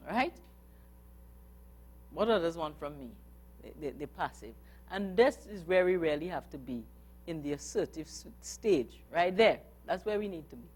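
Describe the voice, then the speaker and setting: Earnest woman coaching a group. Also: on the low side. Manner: earnest, coaxing, asks the audience questions. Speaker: religious sister giving a talk. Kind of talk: workshop talk on nonviolent communication.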